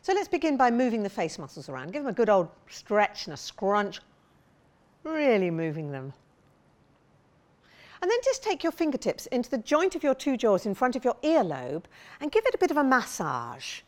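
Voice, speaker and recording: Woman voice coach, high lively voice, encouraging, demonstrates warm-ups. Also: moderate pace. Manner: encouraging, demonstrating sounds with big slides and shouts. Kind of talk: vocal warm-up lesson.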